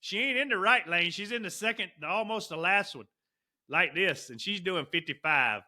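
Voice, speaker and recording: A man tells rambling stories to his podcast co-host. His voice is bright and forward and sits a little high for a man. He wanders through tangents in relaxed, casual chat. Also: moderate pace. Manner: rambling storyteller, Southern turns of phrase.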